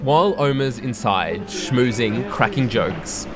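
A man hosting a podcast, narrating a story in a measured storytelling manner. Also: medium pitch, music in the background. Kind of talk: scripted narration.

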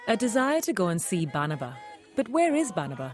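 A woman host reading a scripted radio documentary narration in a calm, clearly paced way. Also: medium pitch, fairly quick, faint music behind.

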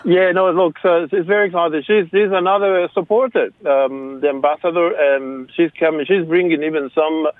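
A man from Argentina with an Argentine Spanish accent, a guest on a radio interview, speaking haltingly with many fillers and restarts. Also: fairly high pitch, steady tone, no room sound. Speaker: guest, local rugby supporter. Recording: phone line, dry.

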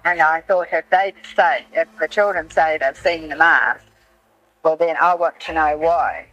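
A middle-aged woman heard on an old dictaphone recording made in a noisy cafe, recounting events in a halting way with many "uh"s and "um"s. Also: low-pitched, fairly bright tone, soft background music. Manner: hesitant, halting with frequent "uh" and "um". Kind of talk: recounting past events in an interview. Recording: lo-fi dictaphone tape.

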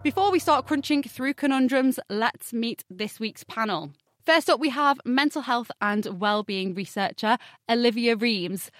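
Bright, curious woman hosting, dry close sound. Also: fairly high pitch, no echo. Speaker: science show host. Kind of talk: scripted podcast presenting.

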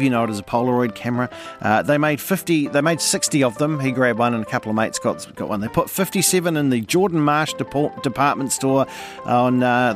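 A man in his fifties with a New Zealand accent hosts a casual radio segment. He keeps it light and jokey, with an everyday mid-range voice. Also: medium pitch. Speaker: radio host.

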